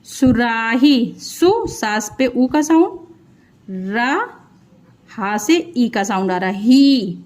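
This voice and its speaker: Woman teaching kids to read, says each syllable slow and asks questions as she goes. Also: fairly high pitch, expressive, a little mellow. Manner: sounds out syllables one by one, repeating words. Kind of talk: slow children's phonics lesson.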